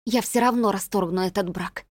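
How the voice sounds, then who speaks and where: A woman's voice: medium pitch, fairly quick, dry recording, lightly acted. A woman reading the part of a proud, exhausted but defiant queen in an audiobook.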